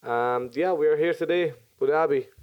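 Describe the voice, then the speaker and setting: A man in his twenties from Syria, chatting as a podcast guest and often pausing with ums and restarts. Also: on the high side, clean tone, lo-fi sound. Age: 20s. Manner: hesitant, many ums and restarts. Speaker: podcast guest, business owner. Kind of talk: casual interview chat.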